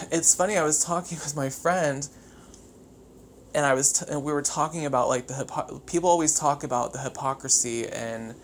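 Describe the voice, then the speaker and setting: A podcast host talking casually and solo with wired, chattery, over-caffeinated energy, swearing freely. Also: mid-range voice. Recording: clear background noise.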